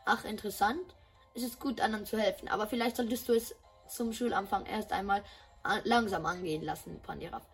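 A woman's voice: medium pitch, brisk, breathy edge, faint music behind. A woman reading a polite male school principal. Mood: formal. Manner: polite, formal, slightly stumbling. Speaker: voicing a game character. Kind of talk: dubbing game dialogue.

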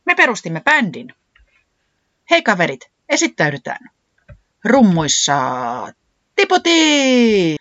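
A storyteller voicing an excitable dog who sings lead in a band, shouting high and loud. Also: long pauses, dry recording, muffled recording. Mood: excited. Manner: loud, exclamatory, high-pitched.

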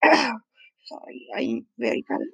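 A woman's voice: on the high side, slow, vocal fry, breathy edge, no echo, exaggerated voice, poor audio. A woman playing a forgetful old winged-wolf grandpa. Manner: rambling, loses his train of thought.

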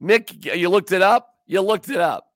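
A man's voice: high voice, moderate pace, no room sound, studio quality. A man hosting a casual sports podcast, joking and rambling as he chats with his co-host. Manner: joking, rambling, does silly voices.

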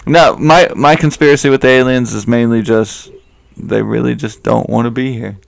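A man co-hosting a podcast in casual, slangy, profane banter, riffing jokingly in a deadpan way. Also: medium pitch, moderate pace, vocal fry, no room sound. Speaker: podcast co-host.

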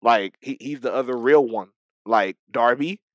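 A man's voice: mid-range voice, a little slow, no room sound, dull audio. A man co-hosting a podcast in casual chat, talking animatedly with frequent stumbles, restarts and repeated words. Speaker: podcast co-host. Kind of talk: casual wrestling talk.

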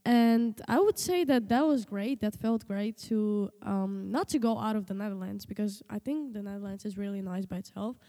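With a mid-range, dark-toned voice, a moderate pace, and hardly any pauses, a Slovenian teenage girl speaks under a long reverb tail. A native Slovenian speaker and the host's daughter, she's an interview guest chatting casually yet hesitantly, with many fillers and restarts.

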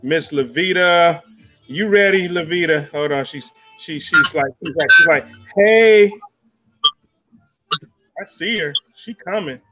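A man's voice: fairly high pitch, normal speed. A man hosting a live stream show in a casual, laid-back way, greeting viewers by name and using easy slang. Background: jazz music playing softly.

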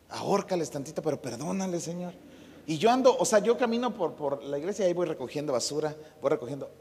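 A middle-aged pastor delivers a casual, story-driven sermon, his voice slightly high and husky. His words ring out with a long reverb from the church hall. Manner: storytelling, humorous asides. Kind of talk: conversational sermon.

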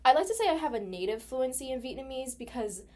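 Quick and high-pitched, this young American woman tells a lively story in relaxed personal chat. "Like" turns up again and again as she talks.

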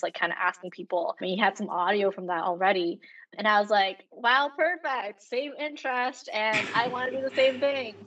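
A young woman from Canada talks casually as a podcast co-host, relaxed and chatty. Her voice sits a little away from the mic, and the sound is slightly muffled. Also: medium pitch, distant mic. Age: young adult. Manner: chatty and relaxed, with many fillers. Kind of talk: casual chat.

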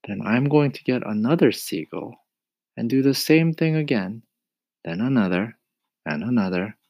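A man voicing a calm, resourceful young boy in a storybook reading, earnestly explaining a plan. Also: medium pitch, normal speed, no echo, dull audio, voice pushed up.

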